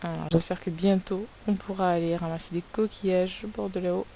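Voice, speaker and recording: A woman teacher giving a recorded spelling lesson for young pupils, slowly sounding out words and spelling them letter by letter. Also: on the low side, fairly even intonation, vocal fry, mellow, highs cut off, slight background noise. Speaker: primary school teacher.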